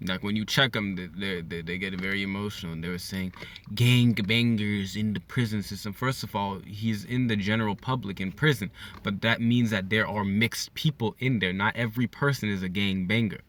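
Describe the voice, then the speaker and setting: A young man from California ranting in a casual opinion vlog, animated and repetitive, full of slang, often checking in with "okay?". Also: lowish voice, brisk. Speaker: YouTuber vlogging his opinion.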